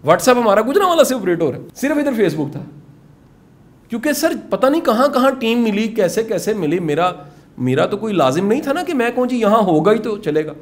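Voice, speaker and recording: A man's voice: high voice, very animated. A middle-aged man with a Punjabi accent, talking informally and earnestly to course participants, urging them and dropping in English phrases. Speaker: motivational speaker teaching a course. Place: indoor classroom with participants.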